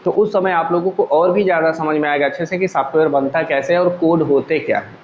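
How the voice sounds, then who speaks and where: Guy teaching a computer class, kinda high voice, echoey lo-fi room. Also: quick pace. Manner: explains step by step with everyday examples, asks the class questions. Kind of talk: classroom lecture. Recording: echoey room, dull lo-fi sound, faint hum.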